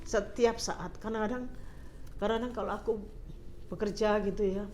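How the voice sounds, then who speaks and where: A woman's voice: medium pitch, fairly even intonation, moderate pace, a little mellow, faint music behind. A woman telling her faith testimony in casual chat, mixing English phrases into her talk and laughing often. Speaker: guest sharing a testimony.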